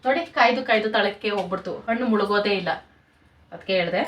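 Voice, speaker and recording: A woman's voice: mid-range voice, fast talker, a bit bright, far from the mic, dull audio. A woman with a rural Karnataka Kannada accent, chatting casually to her viewers as friends in a home cooking vlog. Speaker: home vlogger. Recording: roomy home room, off-mic, faint noise.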